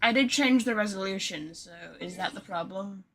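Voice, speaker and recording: A woman game streamer chats casually with her viewers, rambling and making fun of herself. Her mid-range voice moves at a normal speed and sounds a bit bright and slightly rough.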